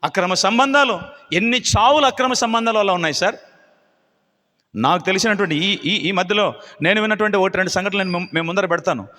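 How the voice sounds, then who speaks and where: A man preaching a live sermon with fiery conviction, firing rhetorical question after question at the congregation. His voice sits high and rings bright. The long reverb of a large hall trails after every phrase. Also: fast. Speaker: pastor.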